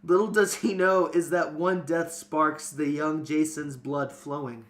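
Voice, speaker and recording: A podcast host reads a fantasy novel aloud and banters casually, often giggling and breaking into laughter. The voice is medium-pitched, steady and a little slow, with music playing behind it.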